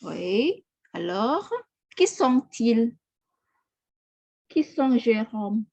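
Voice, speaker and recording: A woman's voice: fairly high pitch, big pitch swings, drawn-out words, vocal fry, darkish tone, no room sound, highs cut off. A woman teaching a French class, patiently repeating questions and correcting pronunciation. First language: Indonesian. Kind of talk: online language class.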